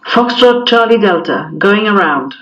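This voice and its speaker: A man's voice: sits high, animated, unhurried, bright, forceful tone, far from the mic, highs cut off. A man voicing a pilot's radio calls in clipped, formulaic phrasing, as if transmitted from a cockpit headset. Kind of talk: demonstrating aviation radio calls.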